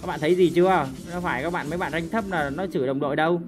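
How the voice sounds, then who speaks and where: A man doing lively, teasing commentary over his own gameplay, with mouth sound effects and sudden shouts. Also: fairly high pitch, racing, over music. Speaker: gaming YouTuber. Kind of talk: live game commentary.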